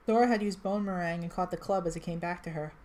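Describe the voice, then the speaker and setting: A woman's voice: fairly low pitch, quick pace, a little mellow. A woman reading a fan story aloud in a casual way, with restarts and chatty asides. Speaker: reader. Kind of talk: amateur fan-fiction read-aloud.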